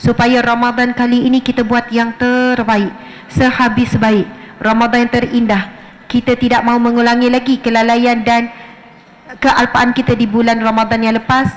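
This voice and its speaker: A middle-aged Malaysian woman with a Malay accent, giving a lively mosque lecture to women and acting out little scenes as she preaches. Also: a little high, normal speed, low-quality recording. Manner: lively, acts out little scenes in her speech. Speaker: religious teacher. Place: mosque prayer hall.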